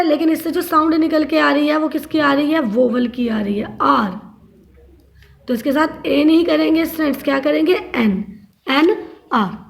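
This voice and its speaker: A female schoolteacher with a high, vocal-fry voice gives young students a grammar lesson in Hindi and English. She poses questions and answers them herself, spelling words out letter by letter.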